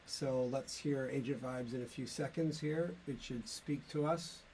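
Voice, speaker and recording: A middle-aged man casually walking through a demo of his own software tool, explaining step by step with a few fillers. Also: mid-range voice, measured pace, a little hiss or hum. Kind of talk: casual tech demo walkthrough.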